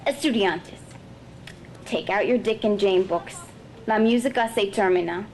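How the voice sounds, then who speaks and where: A woman voicing a lively, proud schoolteacher with a sing-song way of talking. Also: a little slow, a little hiss or hum, lightly acted. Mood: stern. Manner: sing-song, turning low and rough when angry.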